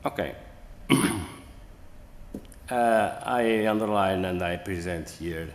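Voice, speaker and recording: In an echoey big hall with faint room noise, a man with a very low voice delivers a hesitant conference presentation. His pace is slow and halting, and he keeps restarting and filling gaps with fillers.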